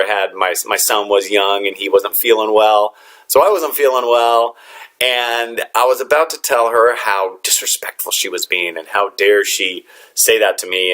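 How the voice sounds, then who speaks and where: A man who is a teacher, giving a motivational talk to fellow educators in an earnest storytelling manner. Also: on the low side. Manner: earnest storytelling with lively quoted dialogue.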